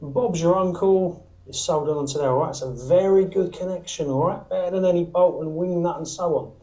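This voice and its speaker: Briskly explaining each step, a British man demonstrates antenna making in his small indoor workshop, keeping things casual and repeatedly checking in with "all right?" and "okay?". He has a high, warm voice, and the audio quality is poor.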